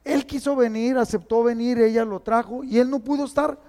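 A middle-aged Mexican pastor preaches in a high, lively voice. He acts out the people in his stories as he goes. His voice rings with the long reverb of a large hall. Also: a little fast. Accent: Mexican Spanish. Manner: animated storyteller, acts out quoted dialogue. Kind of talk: sermon.

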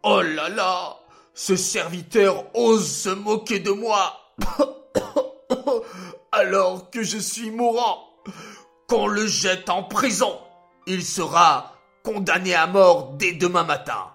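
Man doing a furious sick old king, high and shouty, coughing. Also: takes it slowly, faint music behind, exaggerated voice. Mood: outraged. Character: angry dying old king.

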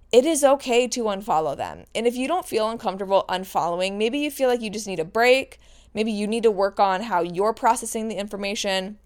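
Female podcast host, smooth clear voice, frank and chatty, recording lying in bed while getting over a stomach flu. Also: medium pitch. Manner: chatty, frank, uses mild swearing. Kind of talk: casual solo podcast talk.

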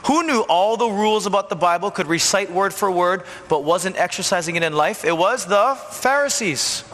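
A man preaching a conversational sermon as a pastor in a church, acting out quick bits of dialogue. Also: high-pitched, expressive, a bit bright. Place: church sanctuary. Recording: long church reverb, faint noise.

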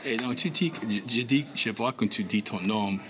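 A man's voice: medium pitch, normal speed, background noise. A man interviewing students on a university campus, talking in a hesitant, conversational way with frequent fillers. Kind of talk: on-the-street interview. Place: university campus, busy common area. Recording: crowd chatter behind.

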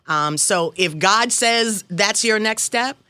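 A woman's voice: medium pitch, takes it slowly, bright, forceful tone, clean tone, no room sound. A woman in her fifties speaking as a guest in a radio interview, earnest and emphatic, repeating phrases for weight. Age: 50s. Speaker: guest, local politician. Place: radio studio.

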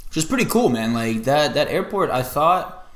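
A man co-hosting a podcast, chatting casually in a laid-back, slangy way and telling stories with lively energy. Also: a little high, moderate pace. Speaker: podcast co-host. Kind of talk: casual chat. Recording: roomy echo.

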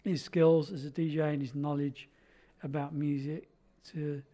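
A man working as a music therapist, explaining his work in a clear, methodical way. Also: a little high, little pitch movement, unhurried, warm tone.

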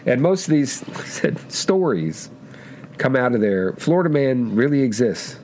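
A man's voice: medium pitch, very animated, moderate pace, darkish tone. Rambling, cussing male podcast co-host. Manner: rambling, profane, laughs easily. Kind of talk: casual chat.

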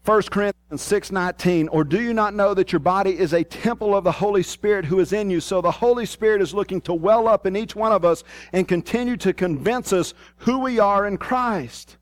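Delivering a sermon at a fairly quick clip, this high-voiced man sounds folksy and plain-spoken, with a Southern hillbilly accent and country twang. He leans on repeated key phrases for emphasis, and there's no echo.

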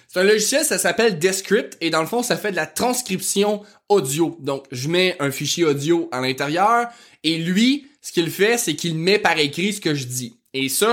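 A man with a rural Quebec French accent hosting his own podcast, talking fast and excitedly and piling on information. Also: fairly high pitch. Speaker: podcast host. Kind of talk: casual solo podcast talk.

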